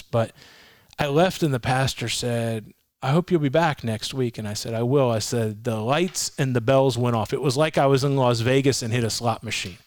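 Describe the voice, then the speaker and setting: A man's voice: medium pitch, no room sound. A man in his forties shares a personal testimony as an interview guest, his voice sitting in a middle register. He tells his story earnestly, with restarts and quoted voices. The recording is dry and close. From Massachusetts, raised in Florida. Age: 40s. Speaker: guest, ministry leader. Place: a home.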